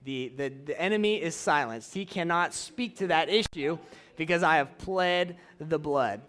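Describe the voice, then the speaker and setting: A young man preaching casually to a church audience, drawing out key phrases slowly and running a live object lesson. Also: a little high, fairly bright tone. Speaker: youth pastor.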